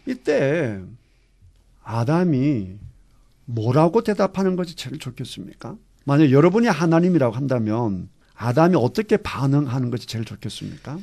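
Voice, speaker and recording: Gravelly-voiced male pastor teaching. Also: medium pitch, normal speed. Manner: lively, questions the class, acts out quotes. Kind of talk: Bible class teaching. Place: church classroom.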